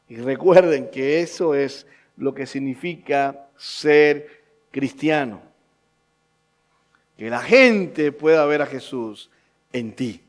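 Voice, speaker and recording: A man preaching a sermon as pastor, swinging between loud emphatic questions and quiet low asides.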